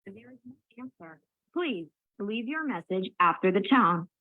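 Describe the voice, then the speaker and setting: Automated phone lady on a landline, flat announcing tone, thin dry sound. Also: mid-range voice, unhurried, dry recording. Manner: flat, announcing recorded message. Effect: played over a landline phone line. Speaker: automated phone system prompt. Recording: tinny phone line, dry.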